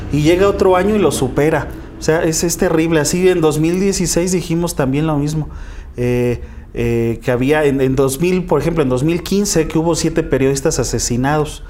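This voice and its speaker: A man's voice: a little high, a little mellow, a little hiss or hum. A man, a lawyer, explaining figures step by step in an interview. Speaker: lawyer interviewed for a press freedom group.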